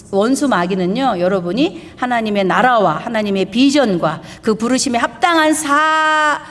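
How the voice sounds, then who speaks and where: A woman's voice: on the high side, a bit bright. A woman pastor preaching an emphatic sermon, putting rhetorical questions to her congregation. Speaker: pastor and missionary. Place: church sanctuary. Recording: long reverb of a church hall.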